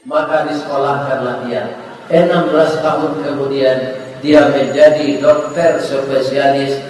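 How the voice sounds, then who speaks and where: A man, a preacher from West Sumatra, telling a moral story in a folksy sermon, joking with his congregation and softening for quoted prayers. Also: sits high. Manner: slow, folksy, jokes with the congregation, soft emotional quoted prayers. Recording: echoey hall, far from mic, faint noise.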